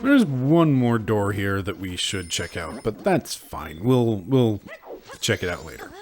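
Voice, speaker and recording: A man hosting a casual video game playthrough, commenting in a halting, wry way. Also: lowish voice, big pitch swings, a little mellow, a little hiss or hum. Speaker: gamer, host. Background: game music.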